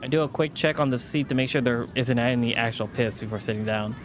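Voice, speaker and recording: A man's voice: mid-range voice, quick pace, slight background noise. A man reading a visual novel aloud with chatty asides, sometimes stumbling and rereading a line. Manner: stumbles over words and rereads lines.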